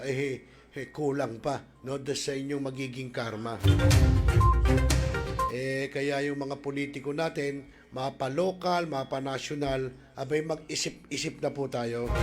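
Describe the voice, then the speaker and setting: Brief: male online host, casual live commentary, excitable and preachy, music bed behind. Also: mid-range voice. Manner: animated, exclaiming, rhetorical questions.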